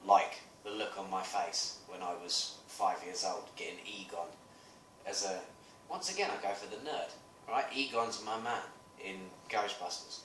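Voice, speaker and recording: A British man in his thirties co-hosting a podcast, chatting casually and telling animated stories with plenty of swearing. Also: lowish voice, echoey room, distant mic, slight background noise. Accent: British English. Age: 30s. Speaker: podcast co-host. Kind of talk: casual chat.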